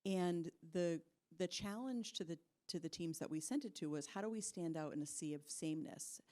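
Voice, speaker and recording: A woman speaking as a marketing executive on a conference panel, chatty and relaxed, with fillers and light laughs. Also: on the low side, moderate pace. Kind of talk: conversational panel answers. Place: conference stage with audience.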